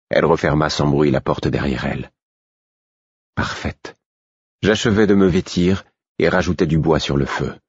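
A man reading a novel aloud in first person, with measured, even storytelling. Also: rumbling low, slightly rough, dry recording, lo-fi sound. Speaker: audiobook narrator. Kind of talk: scripted first-person narration.

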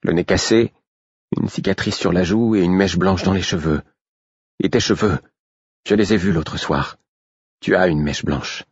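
A man reading an audiobook and voicing a quick-tempered, scornful young woman who talks in a sharp, mocking way. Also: sits low, sing-song, gravelly, slightly rough, dry recording, muffled recording, exaggerated voice. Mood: accusing.

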